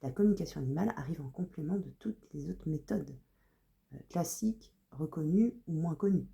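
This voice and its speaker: A woman working as an animal communicator, explaining her practice to viewers in a loose, unhurried way with frequent hesitations. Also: deep voice, expressive, creaky, mellow. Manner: unhurried, loose talk full of "voilà" and hesitations.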